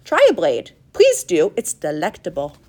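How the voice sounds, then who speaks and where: A woman reading the part of an eccentric, excitable male chocolate maker who gushes proudly over his creations. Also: lowish voice, normal speed. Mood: gushing. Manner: gushing, showy, proud.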